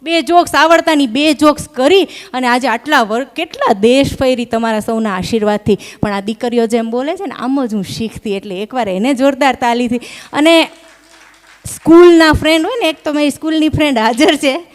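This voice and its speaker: A woman's voice: high-pitched, normal speed. A young woman comedian, doing live stand-up at a microphone and teasing the audience in a chatty way. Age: young adult. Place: live stage at an event hall. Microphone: stage microphone.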